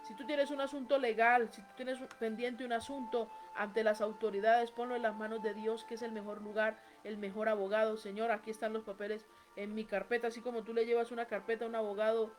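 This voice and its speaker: A woman's voice: fairly high pitch, level tone, brisk, few pauses, faint music behind. A woman preaching a sermon, reading scripture aloud and building to emphatic rises.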